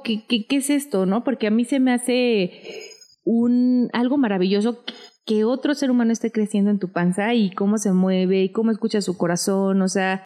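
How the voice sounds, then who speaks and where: A woman, telling her story as a guest in a casual interview, chatty and animated with many fillers. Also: on the high side.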